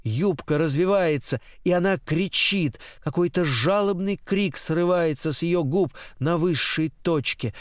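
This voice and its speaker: A man narrating a literary novel as an audiobook in a steady, rhythmic, repetitive cadence. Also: fairly high pitch, a little slow, hardly any pauses, slight background noise. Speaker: audiobook reader.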